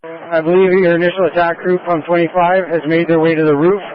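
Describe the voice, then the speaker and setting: A man's voice: on the high side, little pitch movement, brisk. A man on a fire crew reporting status to his chief over a two-way radio. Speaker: firefighter on tower truck crew. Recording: muffled lo-fi fire radio transmission.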